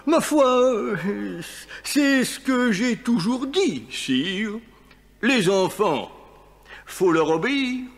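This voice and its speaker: A fussy crab courtier from an audio storybook, deferential and kindly. His high voice swoops extravagantly and lingers slowly on hesitant phrases. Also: big pitch swings, faint music behind, heavily acted. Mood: sheepish. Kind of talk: dramatized children's audio story acting.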